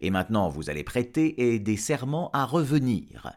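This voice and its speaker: A man's voice: medium pitch, very animated, moderate pace, a little mellow, pitched above the performer's own voice. A man doing a declaiming village rector. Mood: solemn. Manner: formal and declaiming. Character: a solemn village rector speaking for the crowd. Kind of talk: audiobook reading.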